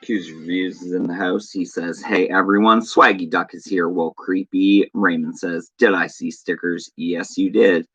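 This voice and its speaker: A man's voice: low voice, steady tone, a little slow, hardly any pauses, a bit bright, husky, rough recording. A man hosting a casual horror live stream, greeting viewers by name and reading their comments aloud in a laid-back, chatty way. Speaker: horror channel host.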